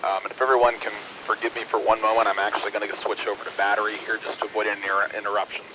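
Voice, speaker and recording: Guy doing short radio updates as net control, lowish voice, dull noisy two-way sound. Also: level tone. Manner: polite, procedural, halting. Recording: muffled radio audio with loud noise.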